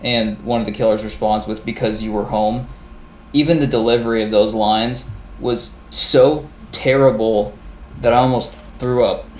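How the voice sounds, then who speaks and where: A man's voice: fairly low pitch, steady tone, moderate pace, slight background noise. A man co-hosting a podcast in casual chat, rambling and swearing as he acts out his reactions. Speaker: podcast co-host. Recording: roomy echo.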